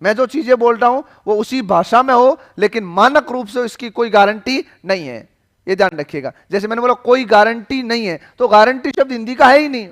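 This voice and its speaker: A man's voice: very high voice, a little fast, fairly bright tone. A male teacher giving a lecture, questioning the class again and again and teasing them with jokes. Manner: joking, questioning.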